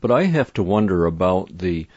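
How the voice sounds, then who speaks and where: A man's voice: sits low, sing-song, normal speed, darkish tone, no echo. A man hosting an interview, thoughtful, raising questions and sharing what he has read. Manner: thoughtful, asks leading questions. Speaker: interview host. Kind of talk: interview conversation. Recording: dry, dull lo-fi sound.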